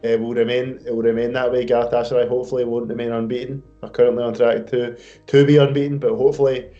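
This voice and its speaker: A man's voice: medium pitch, little pitch movement, fast, warm tone, soft background music. A man co-hosting a football podcast, speaking hesitantly with stumbles and uhs. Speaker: podcast co-host. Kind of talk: casual podcast chat. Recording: dull lo-fi mic.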